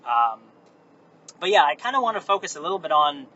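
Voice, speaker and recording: A man's voice: fairly high pitch, sing-song, a little fast, sharp tone. A man hosting a casual, meandering, unscripted monologue, recorded on his phone while driving. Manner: casual, meandering, self-correcting. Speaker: host. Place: inside a car. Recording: muffled phone recording in a car with faint road noise.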